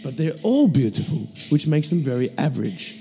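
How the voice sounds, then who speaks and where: Animated man joking crudely, music behind. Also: medium pitch, fairly quick, big-room sound. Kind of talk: casual banter.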